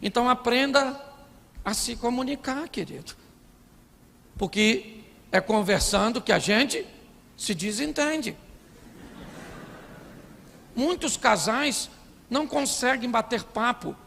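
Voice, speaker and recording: A man preaching a comic sermon as pastor, animated, acting out couples' arguments in put-on voices. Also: very high-pitched, slow pace, creaky, pauses often. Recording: live in a large hall with long reverb and faint noise.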